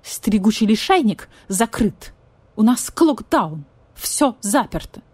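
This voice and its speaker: A woman's voice: mid-range voice, big pitch swings, takes it slowly, darkish tone, breathy edge, dry recording, voice pushed up, full character voice. A woman voicing a stern, fussy vulture police officer who speaks in an indignant, clipped way.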